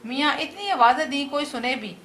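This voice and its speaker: A woman's voice: high-pitched, fairly quick, fairly bright tone, slight background noise. A woman reading the part of an ailing, irritable husband in a comic play, with fretful, groaning lines. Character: ailing irritable husband, middle-aged man, complaining.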